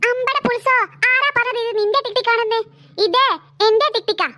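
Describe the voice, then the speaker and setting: A woman's voice: very high voice, fairly even intonation, a little fast, sharp tone, no room sound. A woman voicing a cheeky, defiant cartoon girl who argues back and whines to her mother. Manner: whiny, defiant, teasing. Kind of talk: cartoon voice acting.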